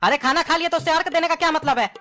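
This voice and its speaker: A woman's voice: high-pitched, very fast, noisy background, natural voice. Woman playing a bossy scolding dad. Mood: stern. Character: strict scolding father during a fast. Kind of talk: comedy skit acting. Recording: background music under voice.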